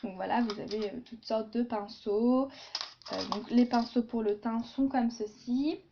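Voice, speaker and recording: A woman's voice: fairly high pitch, steady tone, unhurried, dull audio, background noise. A woman chatting casually in a beauty haul video, with many fillers and asides. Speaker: beauty vlogger.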